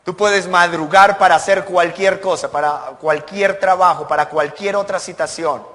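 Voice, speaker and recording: A man preaching from the pulpit with a high, ringing voice. He presses his points with earnest rhetorical questions and emphatic climaxes. His words echo with a long reverb through a church sanctuary. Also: normal speed, fairly bright tone. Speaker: pastor. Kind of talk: sermon.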